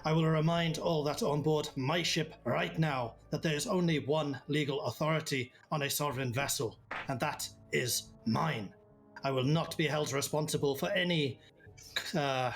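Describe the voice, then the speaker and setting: A man role-playing a stern male airship captain who makes a formal, commanding announcement over the ship's intercom. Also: a little high. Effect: speaking over a ship's intercom. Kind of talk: role-playing a character in a tabletop game.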